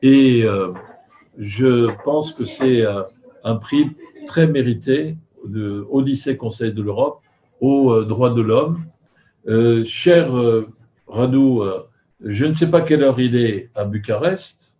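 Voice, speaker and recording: A man's voice: mid-range voice, warm tone. An older man hosting a live film event, courteous and very hesitant, with slightly slurred speech from loose dentures. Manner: halting, hesitant, courteous, with frequent long filler pauses. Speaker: host of a film festival video conference. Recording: dull video call audio, faint noise.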